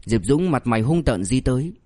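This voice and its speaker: A man's voice: mid-range voice, brisk, dry recording. Man reading a novel aloud, dry sound. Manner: steady storytelling reading. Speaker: narrator. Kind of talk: scripted novel narration.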